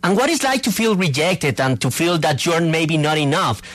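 A man's voice: on the high side, lively intonation, moderate pace, fairly bright tone, dry recording, clean studio sound. A man interviewer asking a long, earnest question.

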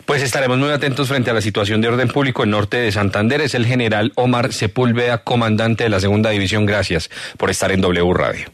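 A man hosting a radio news interview and asking formal, measured questions. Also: fairly low pitch, fairly even intonation, no room sound, clean studio sound. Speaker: radio host.

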